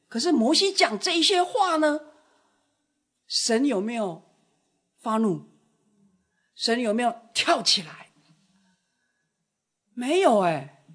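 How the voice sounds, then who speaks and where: A woman delivering a sermon with a husky, breathy edge to her voice. She preaches dramatically, rising to loud outbursts and then dropping to soft, hushed words. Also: a little high, big pitch swings, unhurried, long pauses.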